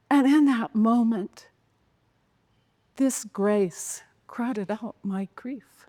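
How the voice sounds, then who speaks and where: A woman telling a dramatic personal story in a slow, intense way, sometimes sinking to a whisper. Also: fairly high pitch, a little mellow, long reverb tail. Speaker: speaker.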